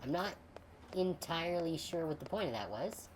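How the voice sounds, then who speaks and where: A woman's voice: low-pitched, lively intonation, moderate pace, darkish tone, slight background noise. A woman streamer giving casual, wry commentary while playing a game, with game music behind her. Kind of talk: let's play commentary.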